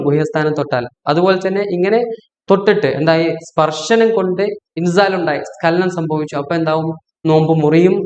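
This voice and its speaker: A man's voice: a little high, darkish tone. A man giving a religious instruction talk as a preacher. He asks himself rhetorical questions, answers them, and keeps reminding listeners to pay attention. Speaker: Islamic preacher. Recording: echoey, dull lo-fi audio.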